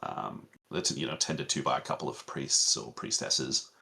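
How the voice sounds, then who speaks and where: Deep-voiced man running a tabletop game. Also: moderate pace, vocal fry. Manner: relaxed, meandering, many fillers. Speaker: game master.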